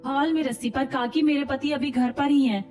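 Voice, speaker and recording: Polite young cartoon wife, placating, voiced by a woman, high voice, a bit distant. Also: steady tone, moderate pace, darkish tone, faint music behind, close to an everyday voice.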